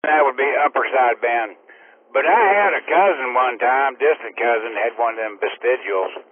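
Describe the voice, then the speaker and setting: A man's voice: medium pitch, moderate pace, phone-quality sound. Man on a noisy mistuned ham radio. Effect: noisy mistuned ham radio transmission. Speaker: ham radio net participant. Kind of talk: casual on-air chat. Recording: crackly, distant ham radio with static.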